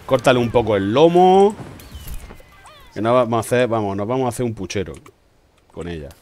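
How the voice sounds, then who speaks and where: A man's voice: mid-range voice, expressive, fairly quick, a little mellow, soft background music. A man with a Spain Spanish accent giving casual, teasing gaming commentary to his teammates. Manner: playful, teasing, slangy banter. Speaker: gaming streamer.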